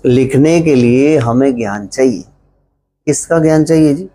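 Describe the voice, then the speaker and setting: A man with a Punjabi accent teaching English to a live gathering in a relaxed, joking way. He asks the class questions, answers them himself, and slows right down to spell out English phrases. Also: mid-range voice.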